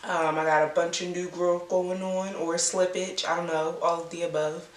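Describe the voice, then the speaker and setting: A young woman vlogger chatting casually and rambling to viewers in a low, unhurried way while recovering from an illness. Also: level tone. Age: young adult. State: recovering from illness, clearing throat. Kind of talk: casual chat to viewers while doing her hair. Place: small indoor room. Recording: roomy echo, audible background hiss.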